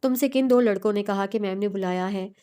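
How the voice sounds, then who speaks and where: A woman's voice: mid-range voice, brisk, dark tone, clear, resonant tone, close to an everyday voice. A woman voicing a worried, exasperated young female student in a storybook reading. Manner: exasperated, questioning.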